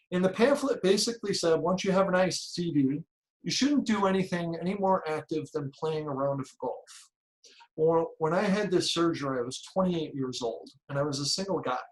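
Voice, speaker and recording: Middle-aged guy from chicago telling his story at a conference, earnest and punchy, bit higher voice. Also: rough recording. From Chicago area, United States. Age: 40s. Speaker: conference speaker. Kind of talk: inspirational personal talk.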